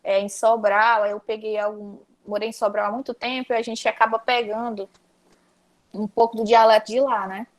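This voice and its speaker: A woman's voice: mid-range voice, level tone, normal speed. A young woman with a Cearense Brazilian accent, teaching an online class in a chatty, upbeat way and talking straight to her students. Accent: Cearense Brazilian Portuguese. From Ceará, Brazil. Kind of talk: casual online class lesson.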